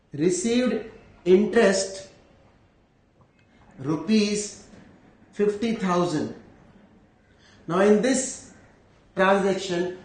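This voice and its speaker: A man's voice: high voice, a little mellow. A man with an Indian accent teaching accounting in a live lecture, explaining step by step, repeating phrases and checking that everyone follows. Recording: echoey room.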